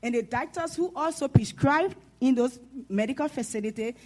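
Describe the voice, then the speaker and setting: A woman's voice: sits high, normal speed, darkish tone. Earnest Liberian woman at a town hall. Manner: earnest, formal, preacher-like build. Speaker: audience member.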